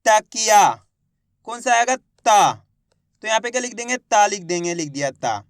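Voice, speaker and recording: A man's voice: sits high, expressive, unhurried, dry recording, clean studio sound. A man teaching reading, drawing out each syllable and quizzing viewers as a teacher. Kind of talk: slow spelling lesson, sounding out syllables.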